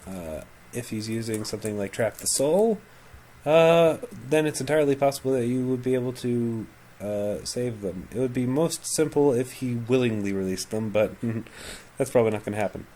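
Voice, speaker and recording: A man's voice: mid-range voice, moderate pace, warm tone. A man acting as game master of a tabletop game over a call, explaining lore with many fillers.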